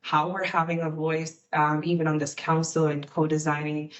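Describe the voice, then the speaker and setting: Low-pitched woman from Guyana, reflective panel guest, heard from a distance. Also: level tone, normal speed. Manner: earnest and reflective, many fillers. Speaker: guest, nonprofit CEO. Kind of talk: podcast panel introduction.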